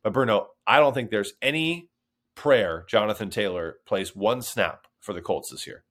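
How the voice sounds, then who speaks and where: A man's voice: on the low side, normal speed, a bit bright. A man co-hosting a sports podcast, chatting in a sarcastic, profane, conversational way. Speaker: podcast co-host. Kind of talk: casual sports chat.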